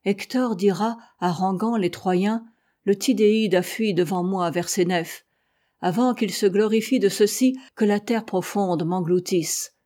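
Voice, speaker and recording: A woman's voice: medium pitch, unhurried, mellow, close to an everyday voice. A woman reading the lines of a proud young male warrior who speaks with earnest bitterness. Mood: bitter.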